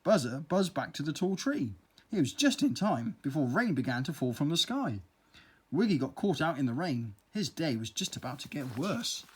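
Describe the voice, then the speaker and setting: A storyteller reading a children's story aloud in a playful, expressive way. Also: mid-range voice, breathy edge.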